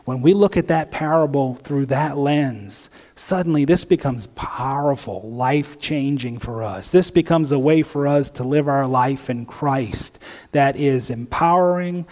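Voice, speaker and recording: A man's voice: medium pitch, a little slow, darkish tone. A man preaching a sermon in an earnest way, with hesitant fillers and restarts, sometimes acting out imagined inner voices. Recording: long reverb of a large hall.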